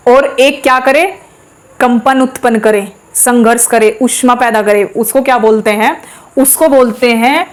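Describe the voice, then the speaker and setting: A woman teaches a class with a slightly high voice. She goes step by step, stops to ask questions and then answers them herself. She sounds out each letter slowly for the class to repeat. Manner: says sounds aloud slowly for practice. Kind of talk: classroom lesson.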